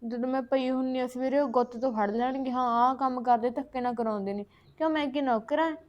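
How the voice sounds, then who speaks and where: A woman playing a whiny young bride, high-voiced. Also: fairly even intonation, a little fast, darkish tone, muffled recording, close to an everyday voice. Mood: complaining. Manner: whining, complaining, quarrelsome. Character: young newlywed wife, spoiled and complaining. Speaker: actor in a short film. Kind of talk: village short-film acting.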